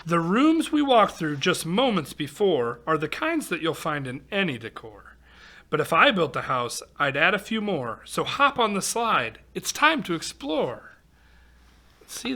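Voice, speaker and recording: A man with a slightly high, pushed, bright voice reads a rhyming picture book aloud to children. He's a volunteer storybook reader, performing it expressively with exclamations and chatty asides.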